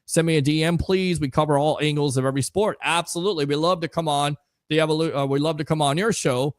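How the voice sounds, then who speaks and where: Energetic male sports-stream host. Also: a little high, fast talker, no echo, studio quality. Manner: energetic, hype shout-outs to chat. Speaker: livestream sports show host. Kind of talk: casual live-stream chat.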